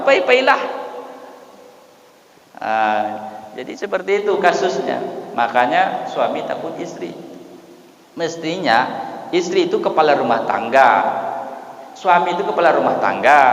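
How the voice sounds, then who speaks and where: A man's voice: high-pitched, fairly bright tone, dull audio. A man preaching an Eid sermon, emphatic and humorous, often tossing rhetorical questions to his listeners. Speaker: Islamic preacher. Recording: echoey hall reverb.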